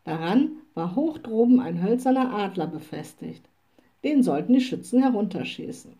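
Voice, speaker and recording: A woman reading a children's storybook aloud in a calm, clear way. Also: mid-range voice, moderate pace. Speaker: narrator.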